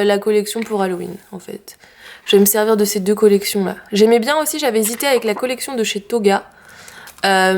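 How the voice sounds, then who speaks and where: A craft vlogger with a French accent, a mid-range voice and a darkish tone shows off her craft purchases in a casual haul video. She's chatty and uses lots of fillers, and there's slight background noise.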